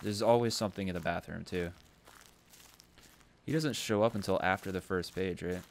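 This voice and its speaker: A man's voice: deep voice, moderate pace, gravelly, slight background noise. A man streaming a horror game from his own room, talking to himself, jumpy and swearing often as he plays. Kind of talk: live game commentary.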